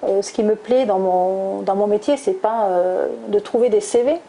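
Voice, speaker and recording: A middle-aged woman, a guest answering interview questions thoughtfully, pausing often with hesitations. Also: medium pitch, mellow, faint music behind, low-quality recording. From France, southwest (Toulouse). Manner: thoughtful, many hesitations with "euh". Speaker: guest, recruiter.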